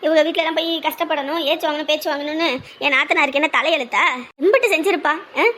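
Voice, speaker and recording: A woman's voice: high-pitched, quick pace, fairly bright tone, slight background noise. A woman, fiercely scolding in a family drama. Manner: lamenting then fiercely scolding. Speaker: wife of the brother, sister-in-law of the bride's side. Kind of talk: rural family drama acting.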